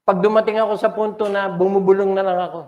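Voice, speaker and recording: A man's voice: high-pitched, little pitch movement, quick pace, lo-fi sound. An older man with a Filipino accent, a pastor preaching an emotional, dramatic sermon in a church. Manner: emotional, dramatic preaching mixing English and Tagalog. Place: church sanctuary. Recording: echoey church hall.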